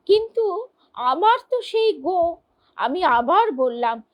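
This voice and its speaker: A woman reading devotional stories aloud and commenting on them in a measured, earnest way. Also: extremely high pitch, very animated, rough recording. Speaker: reader of devotional texts.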